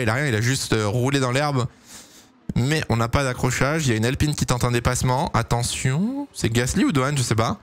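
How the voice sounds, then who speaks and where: A young man giving casual, excitable live commentary on a race for his stream, pleading and cheering as it unfolds. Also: mid-range voice. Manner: excitable, pleading, swings to shouting at big moments.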